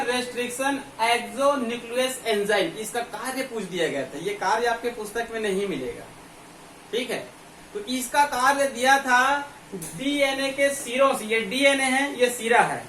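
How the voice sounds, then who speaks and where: A man with an extremely high, slightly bright voice teaches biology in a classroom lecture at the board, repeating himself as he poses questions and answers them himself. The room echoes, the mic sits far off, and a faint hum runs underneath.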